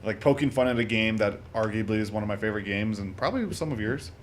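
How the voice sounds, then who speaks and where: A young man with a lowish, lively voice hosts a gaming channel, rambling casually through a let's-play at a quick pace with plenty of fillers and self-corrections. Video game music plays behind him, and there's slight background noise.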